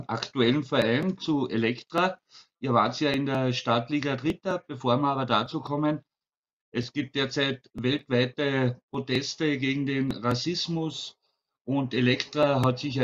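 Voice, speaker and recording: A man's voice: mid-range voice, lo-fi sound. A man hosting a sports talk show, introducing topics and asking friendly questions. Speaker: interview host.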